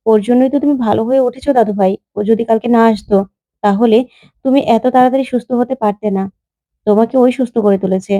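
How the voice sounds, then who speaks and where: A tender old grandmother, voiced by a woman, who comforts her family in soothing, affectionate words. The voice is mellow, a little high, and recorded dry and close. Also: quick pace, no room sound, lightly acted. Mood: reassuring.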